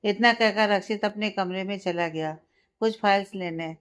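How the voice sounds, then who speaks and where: A woman narrating a long story, reading in a steady, even way. Her voice is smooth and clear, in a middle pitch for a woman. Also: normal speed.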